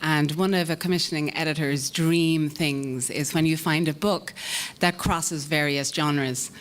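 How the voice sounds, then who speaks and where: In a conference meeting room, an Irish woman moderates a panel, introducing the speakers in a friendly, self-deprecating manner. Her voice is low-pitched and steady, and she speaks unhurriedly.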